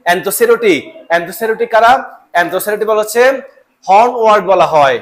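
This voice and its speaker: High-voiced man teaching. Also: quick pace. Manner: repeats terms and keeps checking understanding. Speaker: biology teacher. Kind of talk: live classroom lecture.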